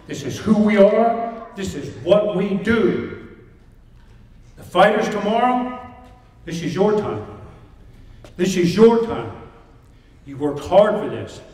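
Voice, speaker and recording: A man's voice: high voice, lively intonation, slow, pauses often, darkish tone. A man giving a rousing motivational pep speech to fighters, emphatic and built on repeated short phrases. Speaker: motivational speaker addressing fighters. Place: large indoor hall before an audience. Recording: echoey hall, distant mic, crowd present.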